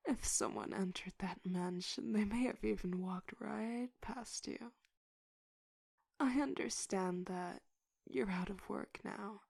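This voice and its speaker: Woman acting a soft-spoken tough-cop detective, ASMR role-play. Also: mid-range voice, gravelly, slightly rough, no room sound, studio quality, full character voice. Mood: pressing, determined. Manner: slow, deliberate, intimidating tough-cop manner. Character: tough cop, stern condescending detective interrogating a witness.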